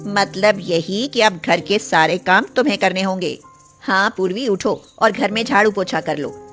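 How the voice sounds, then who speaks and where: A woman's voice: mid-range voice, moderate pace, fairly bright tone, faint music behind, natural voice. A woman doing a bossy rich elder sister. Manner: commanding, scornful. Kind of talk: storybook voice acting.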